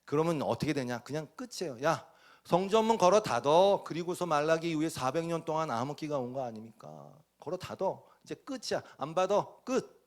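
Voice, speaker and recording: A man preaching a sermon from the pulpit, acting out voices as he goes. His voice sits a little high for a man. He swings between loud, emphatic bursts and hushed, almost whispered asides. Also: fairly quick. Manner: dramatic, acts out voices of God and people, swings from loud to whispered. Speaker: pastor.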